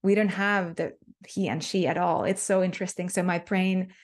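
In this interview, a Finnish-accented guest discusses spirituality with earnest conviction, circling back over points and filling pauses often. Her voice is on the low side and steady, at a moderate pace.

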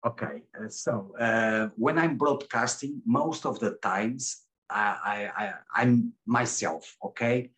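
Speaking slowly in a medium, slightly bright voice, this middle-aged man answers interview questions candidly as a guest webcam broadcaster. He sounds hesitant, frequently stumbling, restarting and repeating his words.

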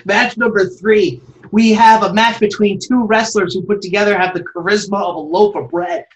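A man co-hosting a podcast in relaxed, casual chat, dropping wry, dry jokes. His pitch moves freely across a wide range. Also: normal speed, muffled recording. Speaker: podcast co-host.

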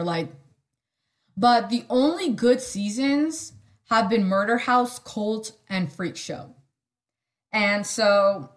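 A young woman talks through her solo podcast in loose, rambling chat. Her voice sits at a middle pitch, and she fills it with sarcastic quips, "like" and sudden side comments. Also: fairly bright tone. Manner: chatty and sarcastic, lots of "like" and quick asides. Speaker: podcast host.

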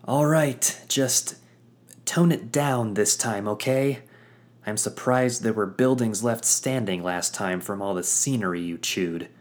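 A man's voice: lowish voice, normal speed, pitched above the performer's own voice, natural voice. A man voicing a weary, no-nonsense male ship captain. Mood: exasperated. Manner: exasperated, commanding. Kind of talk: audio drama character acting.

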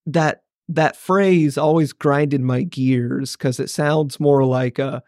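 A man's voice: on the high side, fairly even intonation, slow pace, a little mellow, no echo, clean studio sound. Wry storytelling pastor, man. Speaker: church podcast co-host, pastor. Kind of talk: casual conversation.

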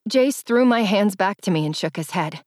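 A woman narrates a romance serial in the first person with an emotional, dramatic delivery. Her voice sits in the middle of the pitch range. The recording is dry and close, with no room echo. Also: expressive, normal speed, darkish tone. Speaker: audiobook narrator.

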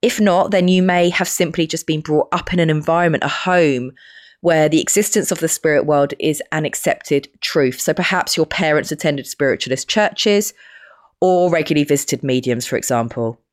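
A woman podcast host with a London accent speaks in a low register. Her voice is froggy and croaky, stuffed up with a cold. She explains her subject in a conversational monologue. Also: moderate pace. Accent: London English. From West London, England. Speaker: podcast host and spiritual medium.

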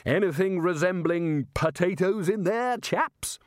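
A man voicing a loud, blustering head wizard who roars his lines. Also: measured pace, dry recording, clean studio sound. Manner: roaring, booming. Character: blustering hearty male Archchancellor wizard, loud.

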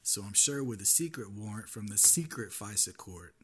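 Male solo podcast host, low and husky, earnest and cautionary delivery. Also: lively intonation, normal speed, sharp tone.

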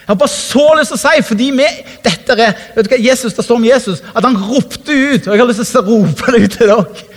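A man preaching a lively, conversational sermon, laughing often and acting out quotes. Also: extremely high pitch, few pauses, long reverb tail.

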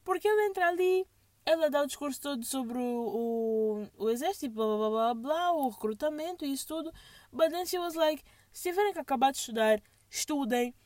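Animated high-voiced young woman. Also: moderate pace, no echo. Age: young adult. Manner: animated, mixes English phrases into Portuguese. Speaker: vlogger. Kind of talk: casual storytime monologue.

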